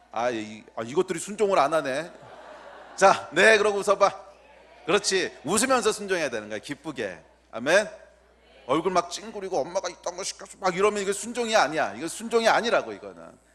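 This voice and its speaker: A male pastor preaching a sermon, teasing and quizzing the children in the pews and slowly repeating key words for emphasis. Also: fairly high pitch, fairly bright tone.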